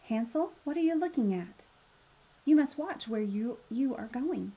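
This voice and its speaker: A woman reading the part of a poor, worried woodcutter father in a storybook, soft-hearted and anxious. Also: on the high side, animated, a little slow, breathy edge, highs cut off, exaggerated voice. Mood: gently firm.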